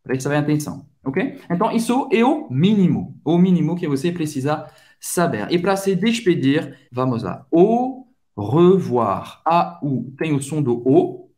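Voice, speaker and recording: A man's voice: fairly high pitch, lively intonation, a little mellow. A native French-speaking man with a French accent, hosting a language lesson and drawing out each word to demonstrate its pronunciation. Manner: slow, drawn-out pronunciation drills. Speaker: French teacher and channel host.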